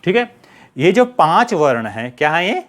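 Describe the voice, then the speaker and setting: A middle-aged man with a Hindi accent teaching a Sanskrit grammar lesson, reciting letters slowly and asking and answering his own questions. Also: on the high side, very animated. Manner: slow, deliberate recitation of letters.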